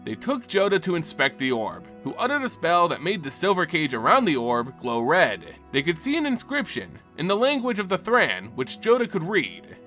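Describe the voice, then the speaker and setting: The lore-channel narrator's slightly high voice swoops wildly in pitch, sharp in tone, moving at a moderate pace with few pauses. He tells a fantasy tale as dramatic scripted storytelling, theatrical throughout. Background music runs beneath his voice.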